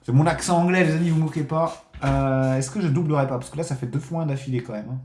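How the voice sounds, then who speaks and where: Excitable man commentating casino bets. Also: on the high side, fast, reverberant, a little hiss or hum. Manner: excitable, swears often, addresses viewers as friends. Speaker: casino streamer. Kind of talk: live gambling commentary.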